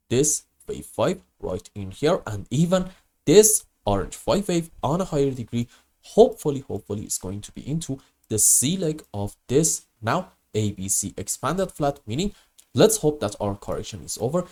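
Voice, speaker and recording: A man's voice: mid-range voice, darkish tone. A man with a grating voice from a bad cold, explaining chart analysis in an emphatic, instructional way. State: sick with a cold. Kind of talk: live chart analysis lesson.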